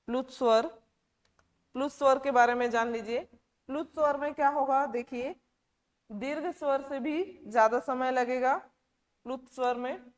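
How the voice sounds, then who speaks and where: A woman teaching a class, asking questions and repeating key words slowly. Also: sits high, big-room sound. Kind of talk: classroom lecture.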